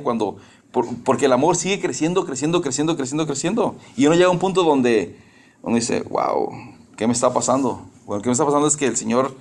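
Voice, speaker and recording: A man in his fifties preaching a sermon in a conversational way, asking the congregation questions and dropping in English phrases. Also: mid-range voice. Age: 50s. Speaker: pastor.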